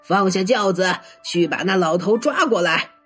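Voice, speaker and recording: A woman's voice: fairly low pitch, animated, moderate pace, a bit bright, husky, faint music behind, pitched below the performer's own voice. A woman voicing an angry, pompous male prefect who scolds and blusters.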